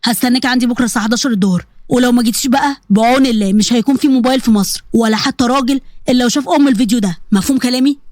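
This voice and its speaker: Woman doing a threatening young man, Egyptian accent, taunting, rapid delivery, dry sound. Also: fairly high pitch, darkish tone, no echo, voice pushed down, close to an everyday voice. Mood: menacing. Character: menacing young male blackmailer.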